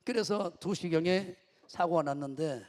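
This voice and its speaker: A man's voice: on the high side, moderate pace, darkish tone, long reverb tail. A middle-aged male pastor, preaching a sermon and telling his own story with rhetorical questions to the congregation. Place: church sanctuary.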